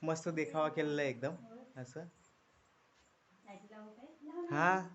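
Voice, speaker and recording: A man's voice: a little high, takes it slowly, fairly bright tone, muffled recording. A man from the Konkan region narrating a casual walking tour as a vlogger, upbeat and full of praise for what he films. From Konkan, India. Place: village outdoors in rain.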